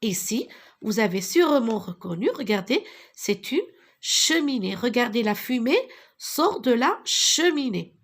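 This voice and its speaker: A woman's voice: on the high side, very animated. A woman teaching young children to read, sounding out letters and syllables one by one and repeating words. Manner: slow, syllable-by-syllable spelling and repetition. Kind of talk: reading lesson for young children.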